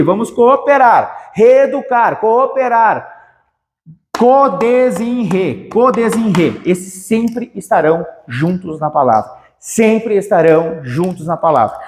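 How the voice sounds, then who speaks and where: Lively southern Brazilian teacher, echoey. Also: male voice, high voice. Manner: energetic, stretches out key words, playful asides. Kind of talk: exam-prep grammar lesson.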